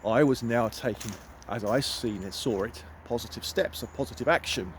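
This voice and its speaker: A man's voice: mid-range voice, normal speed. Earnest man vlogging outdoors. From United Kingdom. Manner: earnest, emphatic, repeats phrases. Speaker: empowerment coach. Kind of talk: walking vlog monologue. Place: outdoors in woods. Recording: faint outdoor noise.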